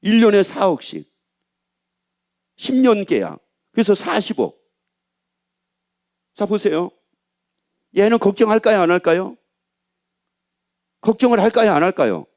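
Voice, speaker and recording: A middle-aged man preaching from a church pulpit in a high voice. He hammers his points home with the same questions over and over, putting them to the congregation. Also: very animated, a little slow, long pauses, darkish tone. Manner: repetitive rhetorical questions to the congregation. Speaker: pastor. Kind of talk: sermon.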